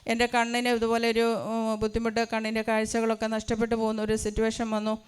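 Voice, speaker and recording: A woman's voice: on the high side, monotone, fast talker, clean tone. A religious sister giving an earnest testimony in a church hall, asking her listeners rhetorical questions. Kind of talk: sermon testimony.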